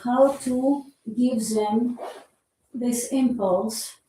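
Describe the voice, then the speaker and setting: A woman from the audience asking a question haltingly, searching for words, heard far off in a hall. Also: on the high side, steady tone, dark tone. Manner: halting, searching for words, non-native phrasing. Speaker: seminar participant asking a question. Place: seminar hall. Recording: distant, very echoey hall with faint noise.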